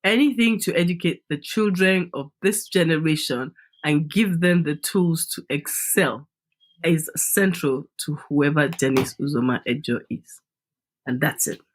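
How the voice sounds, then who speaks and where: A woman's voice: low-pitched, a little slow. A middle-aged Nigerian woman with a Nigerian accent, a guest on a podcast interview who talks emphatically and repeats her key phrases.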